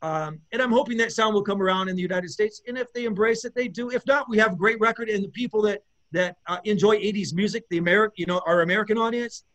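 In a casual interview, a man who plays bass in an eighties rock band talks fast with hardly any pauses. His voice is a bit bright, and he rambles and hunts for words, restarting often, clearly enthusiastic about his music.

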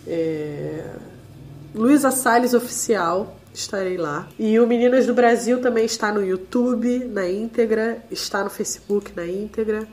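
A woman with a Brazilian accent talks conversationally as an interview guest. Her medium-pitched voice is hoarse and a little duck-like while she recovers from laryngitis. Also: measured pace, a little mellow. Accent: Brazilian Portuguese. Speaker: interviewee, independent musician.

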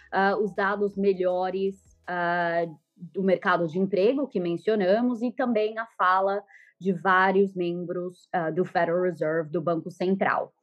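A woman speaks as a market strategist, her voice arriving through a muffled, lo-fi recorded call. She talks at a middle pitch in a measured, analytical way, filling her pauses with frequent "ah" hesitations. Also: a little mellow. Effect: voice over a recorded internet call, lo-fi audio.

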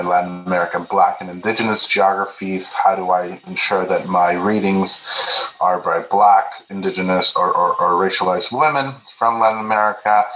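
A young Peruvian man, a native Spanish speaker, talks earnestly as a guest researcher in a casual interview, often repeating words as he begins a thought. His voice is deep and a bit bright, recorded in an echoey room.

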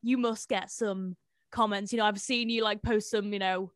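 A woman's voice: mid-range voice, fairly even intonation, moderate pace, no room sound, clean studio sound. A woman hosting an interview show, talking in a casual, informal and slangy way.

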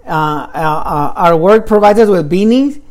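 A man's voice: high-pitched, expressive, unhurried, darkish tone. A man co-hosting a podcast recorded in a garage, chatting casually and rambling, often adding man, bro and you know. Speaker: podcast co-host.

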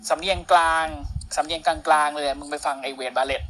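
A man with a fairly high voice trades crude jokes while he recaps wrestling matches on a podcast. He talks in a loose, casual way. A faint hiss of background noise sits under the recording. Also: fairly even intonation, brisk, a bit bright. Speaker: podcast co-host.

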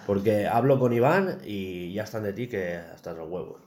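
A man's voice: fairly low pitch, moderate pace. Man from telling work stories, roomy sound. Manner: animated storytelling, swears freely. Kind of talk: casual chat. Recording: roomy echo.

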